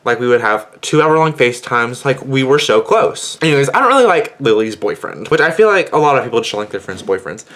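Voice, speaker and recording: A teenage boy tells a long storytime vlog at a steady middle pitch. He rambles and circles back, filling every gap with "like", and sounds indignant as he tells it. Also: fast talker, hardly any pauses. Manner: rambling, heavy use of "like". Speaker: vlogger.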